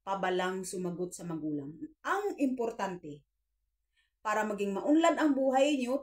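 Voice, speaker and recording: A woman in her fifties talks straight to her viewers, earnest and a little preachy. Her voice sits at an ordinary middle pitch, and she keeps the tone of a casual home vlog. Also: darkish tone. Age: 50s. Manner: earnest, preachy, addresses viewers as guys, acts out quoted dialogue. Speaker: vlogger giving life advice. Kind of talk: casual advice talk to viewers.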